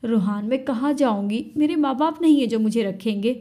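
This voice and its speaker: A woman's voice: on the high side, brisk, warm tone, natural voice. Woman voicing a tearful pleading young woman. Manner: begging, tearful.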